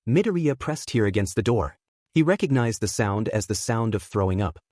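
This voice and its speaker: A man reads fanfiction aloud with a steady, plain delivery. His pitch moves in lively swings, and the recording is dry and close, with no room sound. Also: normal speed, dry recording. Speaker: fanfiction reader. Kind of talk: storytelling narration.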